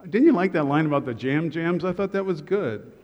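The audio is dull, carrying a pastor's higher-pitched voice through the long reverb of a church hall. This middle-aged man is preaching a humorous sermon from the stage of the sanctuary, with self-deprecating jokes for his congregation.

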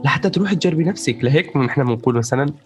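A man's voice: fairly high pitch, animated, rapid-fire, darkish tone, soft background music. A man with a Levantine Arabic accent chatting casually about personal experience, explaining things as he goes, checking in with the listener and dropping in English words.

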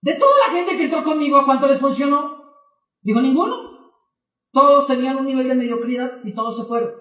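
A man's voice: very high voice, fairly quick, reverberant, distant mic, muffled recording. A man telling a personal story to an audience as a motivational speaker, acting out both sides of the conversations. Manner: animated, acts out both sides of dialogues.

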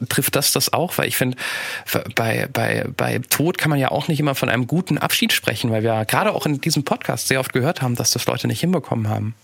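A man co-hosting a podcast, questioning and halting, with frequent restarts. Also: medium pitch, gravelly, fairly bright tone, husky, dry recording. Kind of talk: podcast conversation.

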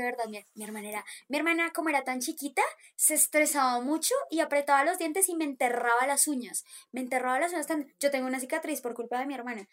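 A woman in her thirties with a Colombian accent, casually telling childhood stories with an animated manner. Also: high-pitched. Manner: animated, acts out voices in quotes, laughs often. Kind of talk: casual storytelling chat.

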